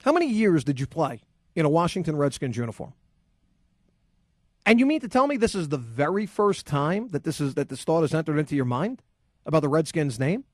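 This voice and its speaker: Combative talk radio host, dry studio sound. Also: male voice, on the high side, sing-song, brisk, darkish tone, no room sound. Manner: combative, sarcastic, emphatic. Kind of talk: opinionated talk radio rant. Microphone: studio microphone.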